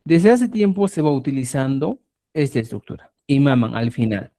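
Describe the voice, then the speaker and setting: A man's voice: medium pitch, normal speed. A man teaching a live class over a video call. His voice rises and falls a lot as he explains, and he keeps asking the students if they follow. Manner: lively, checks in constantly with "¿ya?". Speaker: Quechua teacher. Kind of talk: live online language class.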